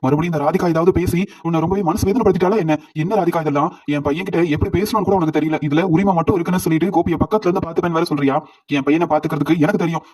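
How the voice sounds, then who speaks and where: A man's voice: a little high, steady tone, racing, a little mellow, lightly acted. A man voicing a stern, protective old grandmother who scolds her daughter-in-law. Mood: scolding.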